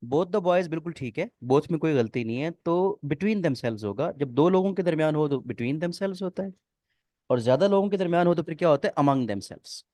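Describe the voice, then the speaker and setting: Guy teaching a grammar class, keeps asking "clear?", dry recording. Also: a little high, lively intonation, normal speed, dark tone, no echo. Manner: explains step by step, checks often if students follow. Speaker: English teacher. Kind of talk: online class explanation.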